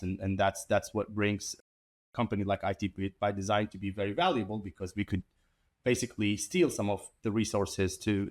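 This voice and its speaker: A man from Iraq, founder of an IT services company, speaking earnestly as an interview guest with a few repeated starts. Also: medium pitch. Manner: earnest, steady, some repeated word starts. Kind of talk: conversational interview.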